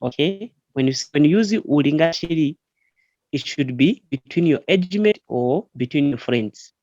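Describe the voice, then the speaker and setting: A man's voice: fairly high pitch, lively intonation, normal speed, a little mellow, no echo, lo-fi sound. A man teaching an online language lesson, explaining patiently step by step with repeated examples over a call.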